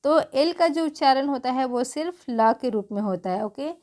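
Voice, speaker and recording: A woman's voice: high voice, lively intonation, normal speed, a little mellow. A woman with a Hindi accent teaching English phonics to beginners, spelling out each word letter by letter and asking and answering her own questions.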